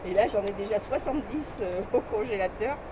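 A woman's voice: mid-range voice, fairly quick. An older woman chatting cheerfully while fishing on a riverside platform outdoors, as an angling club president. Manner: chatty, cheerful, laughs easily. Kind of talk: casual chat while fishing. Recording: outdoor riverside recording with steady noise.

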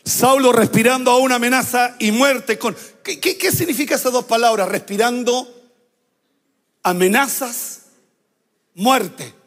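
A middle-aged man preaching a sermon, lively, with shouted emphasis and sound effects. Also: very high voice, unhurried, pauses often, in a large hall. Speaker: pastor.

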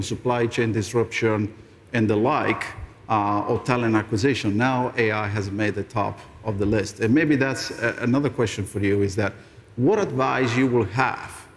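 A man who speaks natively, hosting a keynote stage conversation with polished corporate enthusiasm. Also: lowish voice. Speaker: executive host interviewing a guest on stage. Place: large indoor conference stage. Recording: echoey large hall, stage reverb.

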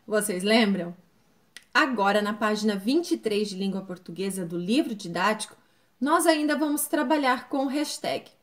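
A Brazilian woman teacher introducing the day's lesson to her students in a clear, guiding way. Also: medium pitch, expressive, moderate pace.

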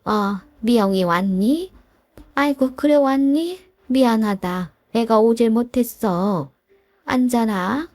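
A woman's voice: a little high, slow, a little mellow, dry recording. A woman voicing a pushy, self-pitying older mother-in-law in a storybook drama, wheedling and guilt-tripping. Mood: pleading, pushy.

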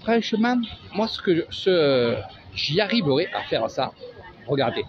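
A man's voice: fairly high pitch, big pitch swings, a little slow, a crowd in the background. Sing-song man with a Marseille accent. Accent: Marseille French. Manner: chatty, sing-song, pointing things out. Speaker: travel vlogger. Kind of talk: casual walking market tour. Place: outdoor street market. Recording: dull lo-fi audio with music.

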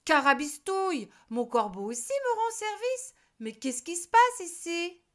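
A woman voicing a grumpy old witch who is startled, in a children's storybook reading, with high, loud exclamations. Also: sing-song, measured pace, exaggerated voice. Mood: astonished.

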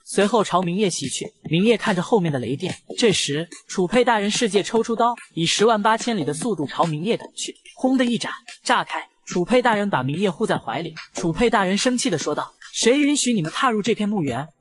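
Animated male comic recap narrator. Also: high voice, fairly quick, few pauses, slightly rough. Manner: animated, dramatic.

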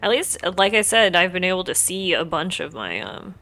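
A woman's voice: on the low side, big pitch swings, moderate pace, bright, forceful tone. A woman streaming a video game, talking to herself through the match in blunt, profane commentary. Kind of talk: live gameplay commentary.

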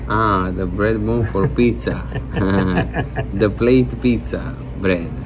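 A man in his thirties with an Italian accent, a native Italian speaker and chef, explaining dishes in halting, broken English. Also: fairly low pitch, noisy background. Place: indoor restaurant booth. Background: background music.

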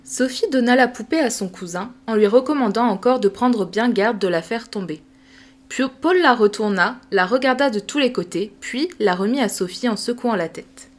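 A woman reading a classic children's novel aloud as an audiobook, with measured, clear storytelling. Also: fairly high pitch. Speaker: audiobook reader. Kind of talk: scripted narration.

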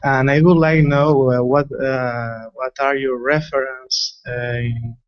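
A man in the audience asking a question at a lecture, in halting English full of fillers. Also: mid-range voice, little pitch movement, dry recording, dull audio. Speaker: audience member.

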